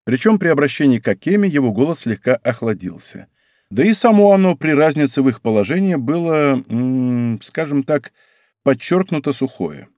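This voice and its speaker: Man, audiobook narrator, first-person storytelling, expressive and conversational, lively pitch, dry close sound. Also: normal speed, no echo.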